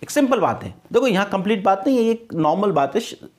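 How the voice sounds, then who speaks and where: This Indian-accented man talks fast in a high voice full of big pitch swings. Teaching English grammar for exam prep in a mix of Hindi and English, he quizzes his class, supplies the answers himself, and works on pronunciation drills.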